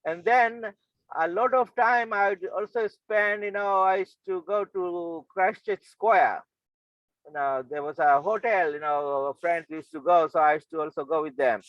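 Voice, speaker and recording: A man from Fiji with a slightly high voice recounts his past as a guest speaker, with frequent ums and restarts. The audio is dry and dull, like a muffled online call. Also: a little slow, no echo. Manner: hesitant, many fillers and restarts, chuckles. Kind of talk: personal storytelling.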